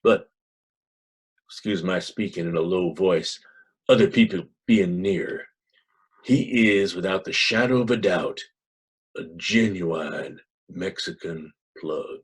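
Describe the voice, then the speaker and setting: Man acting a sly, hushed, hammy horse-trade shill. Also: slow pace, pauses often, husky, full character voice. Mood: sly, confiding. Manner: hammy, dramatic confiding in a hushed low voice. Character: sly, confiding male horse-sale shill, falsely candid.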